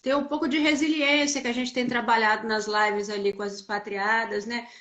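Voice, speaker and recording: A woman's voice: fairly high pitch, steady tone, brisk, fairly bright tone. A Brazilian woman speaking as a guest in a casual live chat, reflective and explaining at length. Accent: Brazilian Portuguese. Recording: echoey room.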